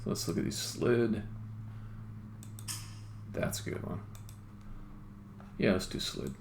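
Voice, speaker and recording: Taking it slowly, this man speaks in a fairly low, creaky, expressive voice while live-coding a game on stream. Seated at a computer in an indoor room, he mutters short informal comments to himself, and the audio carries roomy echo, faint noise and typing sounds.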